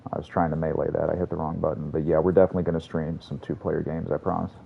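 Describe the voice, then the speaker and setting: Deep-voiced man cursing through gameplay chatter. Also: level tone, rapid-fire, vocal fry, narrow, tinny audio, a little hiss or hum. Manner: rambling, profane, chatty. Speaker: game streamer. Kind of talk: casual gameplay commentary to a live chat.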